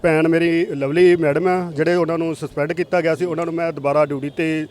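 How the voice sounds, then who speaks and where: A man who is a manager making an official statement in a news interview, measured and hesitant. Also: a little high, level tone, a little mellow.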